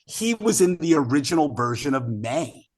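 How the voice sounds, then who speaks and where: A man who is a guest musician tells an animated story, excited and profane, often laughing as he talks. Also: fairly high pitch, normal speed.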